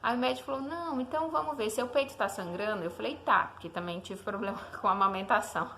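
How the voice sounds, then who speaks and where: A woman's voice: a little high, quick pace, pushed and bright, a little hiss or hum. A young woman, a mother, telling the story of her newborn son as a casual faith testimony, talking to the listener and often asking "né?". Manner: conversational, often asks the listener "né?".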